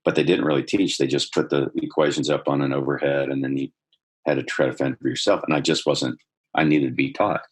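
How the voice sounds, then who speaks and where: Very deep-voiced man telling his story. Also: steady tone, a little fast, husky. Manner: earnest, builds in energy while telling a story. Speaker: podcast guest. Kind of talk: personal storytelling.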